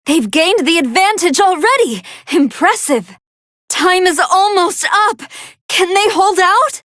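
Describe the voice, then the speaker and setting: A woman voicing a polite, soft-hearted female android scientist who gives formal, earnest and expressive commentary on fights in a video game. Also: extremely high pitch, slow, no room sound, studio quality, full character voice. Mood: composed, curious. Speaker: match commentator.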